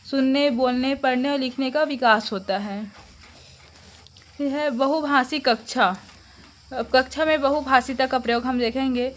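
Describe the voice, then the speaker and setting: A woman's voice: sits high, a bit bright. A young woman teaching an exam-prep lesson, reading out definitions and then restating them simply. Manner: explains terms slowly, repeating them.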